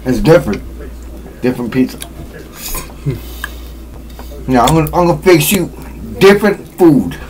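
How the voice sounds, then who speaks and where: A man's voice: fairly high pitch, sing-song, brisk, darkish tone, poor audio. A man chatting casually over a meal, talking with his mouth full, laughing now and then.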